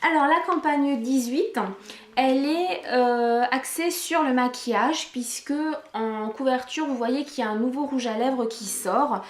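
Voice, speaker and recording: A woman's voice: high-pitched, unhurried. Chatty woman, roomy echo. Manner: chatty, with many fillers and restarts. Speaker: beauty product reviewer. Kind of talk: casual product review vlog. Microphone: camcorder microphone.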